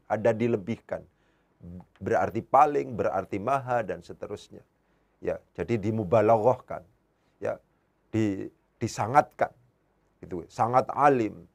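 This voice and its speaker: A man giving an evening Arabic grammar lesson, patiently explaining and repeating key terms, his voice lifting whenever he stresses a point. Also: darkish tone. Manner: rises in pitch and volume when driving a point home.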